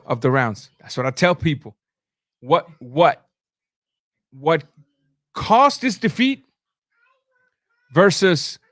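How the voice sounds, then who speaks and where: Still on his boxing stream, he comments on the fight and replies to chat, blunt and slangy, hammering phrases by repeating them. The voice sits on the higher side with a slight brightness and no echo.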